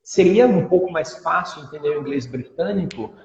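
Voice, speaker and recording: A man's voice: on the high side, animated, moderate pace, gravelly, a little mellow, a little hiss or hum. A man, an English teacher in an interview, patiently explaining and modelling pronunciations. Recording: dull audio in an echoey room with long reverb.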